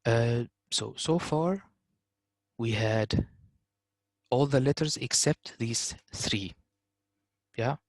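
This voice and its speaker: A man teaching a tajweed lesson, slowly repeating words to show correct pronunciation. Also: mid-range voice, dry recording. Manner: explains slowly, repeating words in Arabic recitation. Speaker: Quran recitation teacher.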